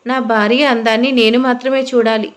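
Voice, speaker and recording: A woman's voice: on the high side, little pitch movement, normal speed, lightly acted. Woman doing a teasing young husband. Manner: teasing, smug.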